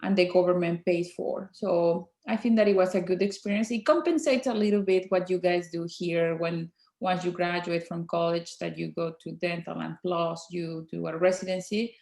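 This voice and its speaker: Woman, 40s, Mexican Spanish accent, native Spanish speaker, lowish voice, halting with fillers, interview guest, echoey room. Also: steady tone, vocal fry. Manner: soft-spoken, halting, with many fillers. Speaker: guest dentist.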